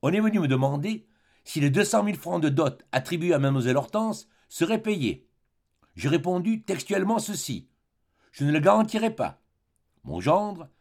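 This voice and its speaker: A man's voice: on the high side, big pitch swings, moderate pace, a little mellow, voice pushed up. A man reading the part of a stout, pompous middle-aged bourgeois suitor, blustering and self-important, in a storybook reading. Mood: indignant.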